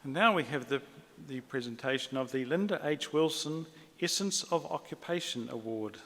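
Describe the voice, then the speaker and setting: A long hall reverb surrounds a man's mid-pitched voice. He speaks from the podium as a master of ceremonies, making formal announcements. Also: a bit bright. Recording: reverberant hall, amplified speech.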